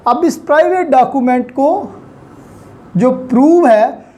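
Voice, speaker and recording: A high-pitched, animated woman takes her time, her voice mellow. She's a law teacher with a Pakistani accent lecturing online, explaining step by step, answering the questions she poses, with many English words mixed in.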